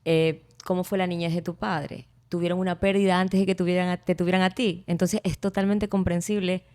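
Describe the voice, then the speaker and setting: Lower-voiced woman hosting. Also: little pitch movement, brisk, darkish tone. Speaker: podcast host. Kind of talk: conversational interview.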